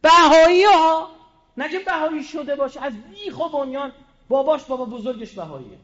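A man giving a combative public speech, firing rhetorical questions and swinging between loud and quiet. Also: very high-pitched, lively intonation, in a large hall, muffled recording. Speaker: public speaker.

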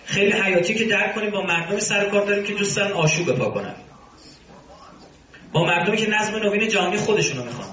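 A male religious commentator lectures in a pointed, argumentative way and slips in scornful asides. His voice sits fairly high and sounds bright and forceful. He is picked up from a distance in a roomy, echoing space, and the sound is dull and muffled. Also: lively intonation, a little hiss or hum.

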